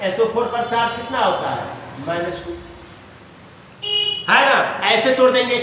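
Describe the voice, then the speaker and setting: A man's voice: sits high, fairly bright tone, a little hiss or hum. Man, chemistry teacher, repeats and asks himself questions, long reverb, faint room ambience. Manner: repetitive, asks and answers his own questions. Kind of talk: classroom lecture to students. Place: classroom. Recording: echoey hall, mic far off, faint ambience.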